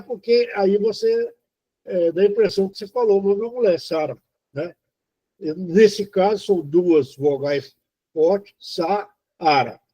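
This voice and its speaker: A man from Brazil giving an informal spoken lesson on poetry, halting and explanatory, with many fillers and restarts. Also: high voice, mellow. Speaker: poetry teacher. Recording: dull lo-fi recording.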